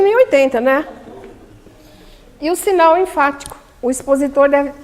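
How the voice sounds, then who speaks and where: A Brazilian woman teaching public speaking at a seminar, talking emphatically and asking the audience questions. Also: sits high. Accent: Brazilian Portuguese. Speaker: lecturer at a spiritist center seminar. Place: community hall. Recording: long hall reverb.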